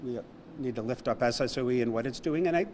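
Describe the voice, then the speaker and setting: A man's voice: mid-range voice, fast talker, darkish tone, a little hiss or hum. Joking man emceeing in an echoey hall. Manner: joking, informal, rambling. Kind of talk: ceremony speech. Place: large indoor hall.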